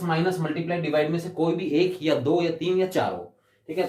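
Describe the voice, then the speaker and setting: A man's voice: fairly high pitch, darkish tone. Echoey man teaching maths. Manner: patient, repeats definitions and asks himself questions; slows down to read English definitions word by word. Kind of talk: classroom explanation. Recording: echoey room, mic at a distance.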